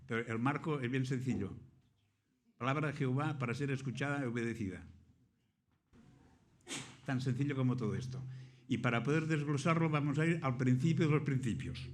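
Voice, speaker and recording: A man from Catalonia preaching a sermon in Spanish with a Catalan accent, reading scripture aloud and then explaining it with rhetorical questions and dramatic pauses. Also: mid-range voice. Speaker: pastor.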